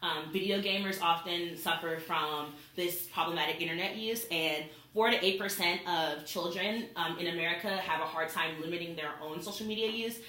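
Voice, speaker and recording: A young adult college student, a woman with a fairly low-pitched, sharp voice, delivers an informal persuasive speech to her classmates, speaking directly to them at a moderate pace with hardly any pauses. A camera across the echoey classroom captures it.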